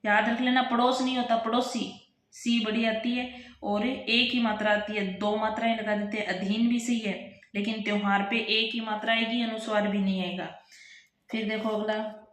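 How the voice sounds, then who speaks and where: A woman's voice: fairly high pitch, roomy sound. A woman teaching a Hindi grammar revision lesson, reading out exam options and correcting them for students. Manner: explains quickly, reads options aloud and corrects them; addresses students directly, often says "bhai".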